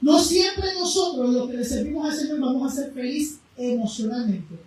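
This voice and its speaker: A woman preacher delivering an impassioned sermon, moving between loud, fervent cries and quiet, low passages, recorded from a distance in a church. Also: normal speed. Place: church sanctuary. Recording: very echoey room, voice from afar, faint noise.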